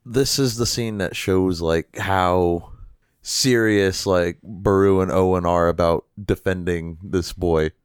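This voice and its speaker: Low-voiced man chiming in on a podcast. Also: steady tone, clean tone, no echo, studio quality. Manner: short agreeing interjections, quick chuckles. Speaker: podcast guest. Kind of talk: casual podcast chat.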